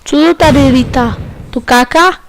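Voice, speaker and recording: A man's voice: very high-pitched, vocal fry, a bit bright, a little hiss or hum. A man giving playful, joking commentary while playing a video game. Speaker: let's play gamer.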